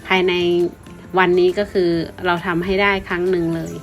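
A woman's voice: lowish voice, little pitch movement, normal speed, soft background music, poor audio. A woman from Thailand talks as a vlogger in a polite, explanatory way, informally and with some repeated words. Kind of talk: informal explanatory vlog narration.

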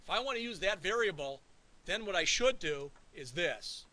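This college instructor's voice sits high and sounds pushed and bright, animated at a normal speed. He teaches a programming class in a conversational classroom lecture, checking in often with students. The audio is poor, with faint hiss.

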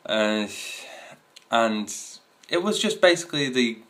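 A man's voice: mid-range voice, expressive, takes it slowly, fairly bright tone. A man in his twenties talking casually to his camera, rambling with fillers and restarts. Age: 20s. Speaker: video host. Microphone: camera mic.

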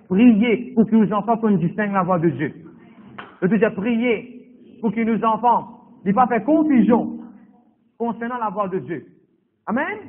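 A man's voice: high-pitched, husky. A man preaching a sermon as pastor, emphatic and repetitive, calling out to the congregation. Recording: tinny echoey hall recording.

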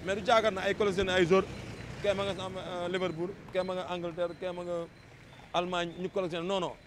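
This Senegalese man talks fast in a high, level tone, pressing his point with passion and frequent repetition. He's a football fan being interviewed on a busy city street, recorded on a handheld microphone amid traffic and street ambience.

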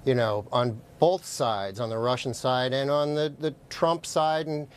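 A man speaking as a news panel analyst, careful and deliberate. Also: medium pitch, clean tone.

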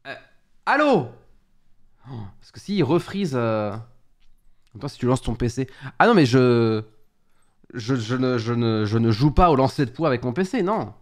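A man's voice: mid-range voice, sing-song, a little slow, long pauses. A man streaming live with a head cold, chatting casually, stumbling and restarting his sentences and exclaiming at technical trouble. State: sick with a head cold, blowing his nose.

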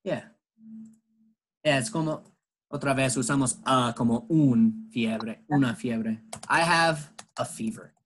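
Slow, patient bilingual English teacher man. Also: mid-range voice, a little hiss or hum, low-quality recording. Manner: slow, patient explaining, switching between English and Spanish. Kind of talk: bilingual classroom lesson.

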